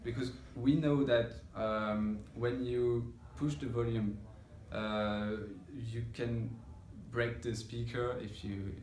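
In a listening room full of loudspeakers, a male audio engineer in his thirties walks through a measurement process, casually and haltingly, groping for words. His medium-pitched, darkish voice stays steady and slow, with few pauses. Room echo and ambient noise come through.

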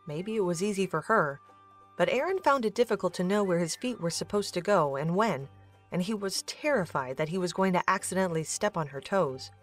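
A woman narrates a scripted story in a slightly low voice, animated and brisk, with soft music playing behind her.

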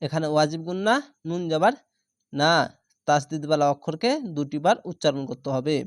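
A man's voice: on the high side, brisk, dry recording, clean studio sound. A man teaching Quran reading, spelling out each syllable patiently and repeating words for drilling. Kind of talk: slow spelling-out recitation lesson.

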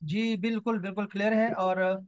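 A man's voice: high-pitched, little pitch movement, moderate pace, no echo. A man hosting an online session. He gives brief, polite confirmations about the audio and video connection. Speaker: host checking the connection. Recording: dull lo-fi online call audio.

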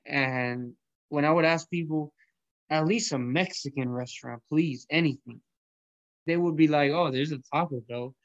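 Speaking at a moderate pace in a slightly high voice, this young man from Colombia runs an online audio room and talks about food and math in relaxed, swear-heavy slang, tossing out "bro" and "yo." The audio is dull with no room sound, recorded in a small indoor room.

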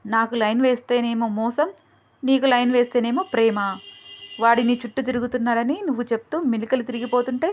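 A woman's voice: a little high, steady tone, brisk, a little mellow, lo-fi sound, close to an everyday voice. A woman voicing a jealous, angry young woman who taunts and scolds. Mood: angry taunting.

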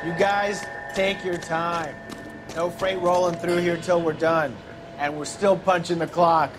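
An actor playing a gruff, world-weary American beat cop in the style of a 1930s police drama. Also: male voice, fairly high pitch, little pitch movement, measured pace, close to an everyday voice. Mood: weary, official. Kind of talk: period police drama game acting. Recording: music behind, outdoor game ambience.

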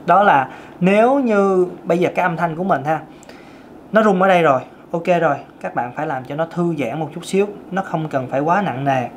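A singing teacher from Vietnam, whose tenor is thin and light, banters casually through the lesson with self-directed jokes and demonstration scales. He speaks briskly at a fairly high pitch. A little hiss or hum can be heard.

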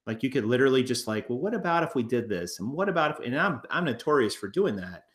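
A man's voice: mid-range voice, big pitch swings, quick pace, a bit bright. Thirties male co-host, casual and rambling, restarts often, recorded on a home webcam. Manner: rambling, many fillers and restarts. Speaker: co-host of a reselling channel. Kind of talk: casual chat over photos. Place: living room, on a couch.

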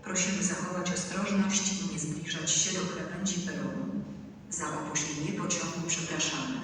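A station announcer reading scripted train announcements over a railway station loudspeaker in a measured, formulaic way. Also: medium pitch, steady tone. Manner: measured, formulaic, evenly paced. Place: large railway station platform. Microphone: public address loudspeaker recorded from a distance. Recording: echoey station hall from far off, noisy. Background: station ambience noise.

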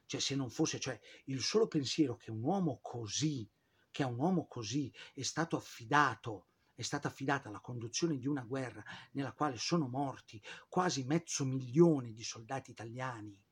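Husky man telling history with sarcasm. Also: medium pitch, normal speed. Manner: chatty, with frequent fillers and sarcastic asides. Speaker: history presenter. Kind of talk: informal history storytelling.

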